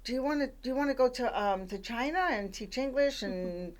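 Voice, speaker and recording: A woman's voice: a little high, animated, fairly quick. An older woman from Puerto Rico, raised in the Bronx, chatting as a radio guest with many fillers and restarts as she tells her life story. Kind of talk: conversational storytelling.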